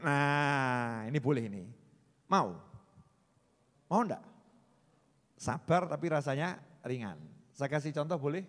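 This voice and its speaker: A man giving a humorous, lively religious sermon, joking with his audience and slipping into phrases. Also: a little high, slow, pauses often. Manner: joking, animated, mixes Javanese phrases, talks with audience. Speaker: Islamic preacher. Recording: long hall reverb.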